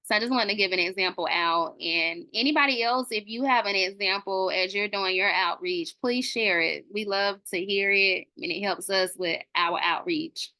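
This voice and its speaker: A woman's voice: mid-range voice, moderate pace, few pauses, pushed and bright, dry recording. A woman chatting casually on a video call, sharing advice with her group and quoting herself with a lifted voice. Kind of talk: casual talk giving advice.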